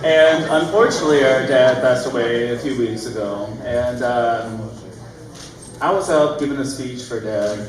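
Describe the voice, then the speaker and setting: A man's voice: mid-range voice, measured pace. A man giving a best man's wedding toast, joking and laughing between lines. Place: wedding reception hall. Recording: echoey hall, mic heard from a distance, loud crowd.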